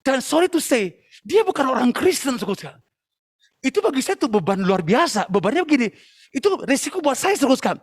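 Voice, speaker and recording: A man preaching a passionate sermon to young people at an online church service, at times shouting and dropping English phrases into his talk. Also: very high voice, sing-song, brisk, slightly rough. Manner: addresses listeners as brothers and sisters.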